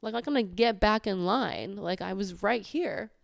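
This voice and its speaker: A woman's voice: medium pitch, moderate pace, gravelly, no room sound, studio quality. A woman hosting a podcast, telling a travel story in a casual, chatty way with lots of "like"s and an exasperated edge. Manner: chatty, many filler "like"s, exasperated retelling. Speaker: podcast host.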